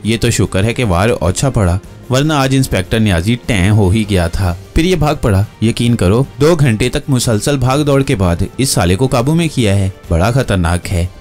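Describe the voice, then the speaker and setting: A man voicing a fat, rough constable who talks coarsely and boasts. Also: on the low side, lively intonation, moderate pace, hardly any pauses, darkish tone, faint music behind, lightly acted. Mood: rough jeering.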